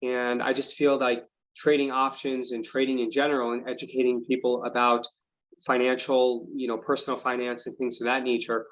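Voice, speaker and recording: A man's voice: mid-range voice, little pitch movement, moderate pace, a bit bright. A middle-aged man hosting an investing channel, talking in an earnest, reflective way with many fillers. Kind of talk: casual interview chat. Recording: dull lo-fi audio.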